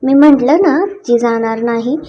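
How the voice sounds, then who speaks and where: A woman's voice: a little high, normal speed, highs cut off, natural voice. A woman voicing a jealous, possessive young husband who snaps his words. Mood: irritated. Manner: snapping, sharp.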